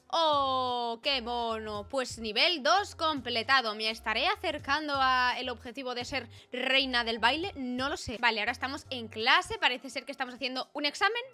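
A woman with a Peninsular Spanish accent chats her way through a let's-play, her voice high and bright as she exclaims over each choice. Faint music plays behind her. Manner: chatty and exclamatory, reading game choices aloud. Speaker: gaming video host. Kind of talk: casual let's-play commentary.

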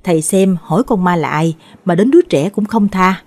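A woman voicing a gruff, alarmed middle-aged village man describing a ghostly attack. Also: fairly low pitch, lively intonation, moderate pace, darkish tone. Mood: urgent.

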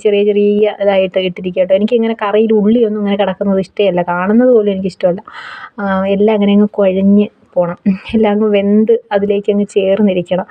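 A young cooking vlogger talks through her home cooking in a fast, chatty voice-over, explaining each step and adding little tag questions for viewers. Her voice is middle-pitched, and the outdoor recording sounds dull and lo-fi.

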